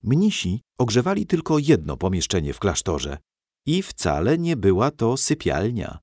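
A man narrating a storybook in a measured, expressive reading. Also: on the low side, no room sound, studio quality.

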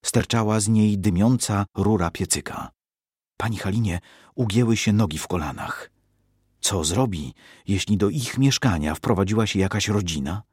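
A man narrating a story in a measured, expressive reading. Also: fairly low pitch, slightly rough, dry recording, studio quality.

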